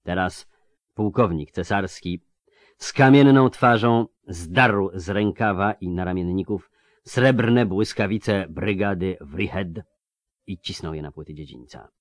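Male audiobook narrator, steady, low voice, dry close sound. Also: takes it slowly, no room sound. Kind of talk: scripted narration.

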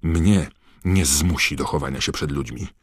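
A man's voice: a bass voice, moderate pace, husky, dry recording, studio quality, heavily acted. A man voicing a clever, indignant teenage schoolgirl witch in an audiobook, lecturing and biting. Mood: furious. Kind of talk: audiobook character voice.

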